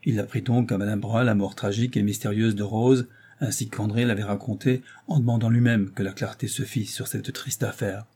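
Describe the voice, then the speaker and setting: A man narrating a novel in a steady, measured storytelling voice. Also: fairly low pitch, husky. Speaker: audiobook narrator.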